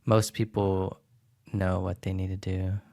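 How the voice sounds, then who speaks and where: A man's voice: low-pitched, little pitch movement, unhurried, darkish tone. A man hosting a podcast interview, chatting casually and searching for his words with many fillers. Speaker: podcast host.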